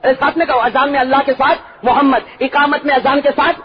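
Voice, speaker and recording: A male preacher with a Pakistani Urdu accent giving a fiery sermon, crying out loudly and then dropping to hushed asides, calling on the crowd to answer. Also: very high voice, level tone. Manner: impassioned, swings from loud cries to hushed asides, calls for crowd response. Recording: dull lo-fi recording.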